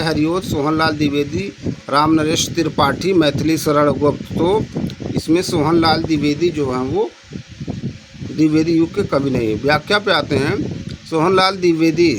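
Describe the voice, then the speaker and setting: Guy going thru exam questions, higher voice, keeps repeating stuff, traffic noise behind. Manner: repeats phrases, drawn-out recitation of options. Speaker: Hindi exam tutor. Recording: noisy background with passing traffic.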